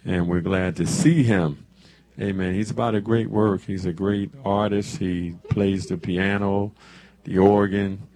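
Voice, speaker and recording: A man's voice: low voice, fairly even intonation, unhurried, a little mellow. A man in his seventies hosting a church radio show from the studio, talking in an easy preacherly way and dropping amens as he goes. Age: 70s. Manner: preacherly, peppers talk with amens. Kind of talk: casual church radio talk.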